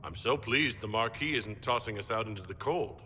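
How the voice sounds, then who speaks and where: A man's voice: fairly low pitch, lively intonation, moderate pace, bright, forceful tone, in a large hall, slight background noise. A man playing an earnest, polite heroic nobleman in a fantasy game, speaking directly and courteously. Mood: polite, curious. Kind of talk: dramatic game cutscene acting.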